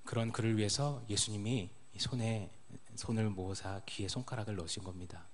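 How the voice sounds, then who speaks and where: A man's voice: fairly even intonation, brisk. Male pastor preaching in story style. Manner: storytelling, dropping low and quiet at line ends. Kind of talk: sermon.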